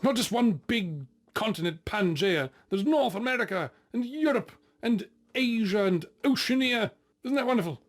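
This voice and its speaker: A woman's voice: a little high, animated, normal speed. A woman voicing a chipper dinosaur co-host who gushes in a sing-song way. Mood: gushing. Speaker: guest co-host.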